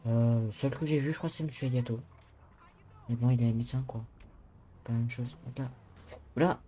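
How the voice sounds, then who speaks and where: A man acts out a worried, mild-mannered Englishman in an online game. His French is simple, halting and a little broken, with an English accent. The voice is mellow and relaxed in tone, over faint background ambience. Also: medium pitch, slight background noise, lightly acted. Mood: earnest. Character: mild, worried, clumsy Englishman living in a city, speaking some French. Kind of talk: improvised online role-play.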